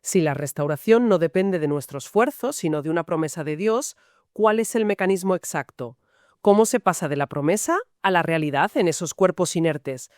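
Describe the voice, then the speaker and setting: A woman's voice: fairly low pitch, lively intonation, normal speed, a little mellow, dry recording, clean studio sound. A woman from Spain co-hosting a Bible study podcast, asking and clarifying points. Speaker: podcast co-host.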